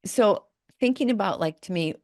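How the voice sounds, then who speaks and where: A woman's voice: medium pitch, expressive, normal speed, a little mellow, dry recording, studio quality. A woman hosting a podcast, chatting casually and rambling with frequent restarts. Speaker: podcast host. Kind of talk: casual interview chat.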